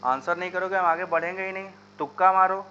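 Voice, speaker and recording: Bright-voiced man teaching chemistry live. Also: high voice, steady tone, fast talker. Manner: coaxing, urging students to answer in the comments. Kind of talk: live online chemistry lesson. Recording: dull lo-fi sound with faint hum.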